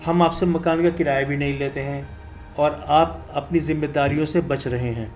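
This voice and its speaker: Narrator voicing a scolding committee head: stern, reproachful, slightly high. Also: male voice, steady tone, normal speed, a little mellow, soft background music, lightly acted. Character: stern male mosque committee president.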